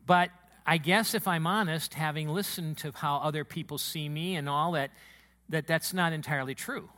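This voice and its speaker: Preaching a sermon to his congregation in the church sanctuary, a pastor speaks in a booming, high-pitched voice with a bright, forceful edge. He is emotional and quickly gets excited.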